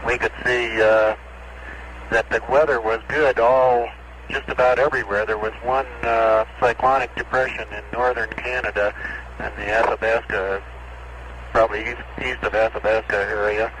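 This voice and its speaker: Astronaut voice on breaking-up space radio, low-pitched man, clipped readbacks, faint hiss. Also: level tone, moderate pace, a bit bright. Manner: clipped radio procedure, reads numbers back. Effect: crackly space-to-ground radio transmission, archive recording. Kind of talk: space-to-ground radio exchange.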